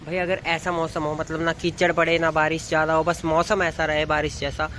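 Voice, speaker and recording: A man's voice: on the high side, monotone, a little fast, bright, forceful tone, slight background noise, rough recording. A young man from Punjab, a dance content creator talking through a casual daily vlog in a chatty, rambling, playful way. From Punjab, India. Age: young adult.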